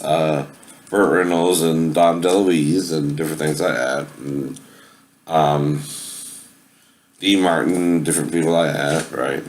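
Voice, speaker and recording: A low-pitched man, recorded with slight background noise, casually explains a tape deck in an amateur demo video. He sings impersonations along the way and regularly checks in by saying "right?"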